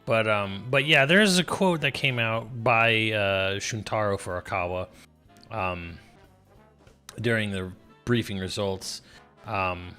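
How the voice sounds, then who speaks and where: A man's voice: lowish voice, takes it slowly, bright, forceful tone, clean tone, soft background music. A man streaming live, talking in a rambling, profane and sardonic way, restarting sentences often. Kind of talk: casual livestream commentary.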